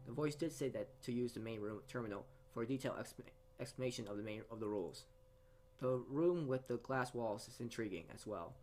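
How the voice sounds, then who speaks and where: A man hosts a gaming video, reading a visual novel aloud with casual asides and frequently stumbling over or repeating words. His voice is mid-range with a little hiss or hum. Game background music plays behind him.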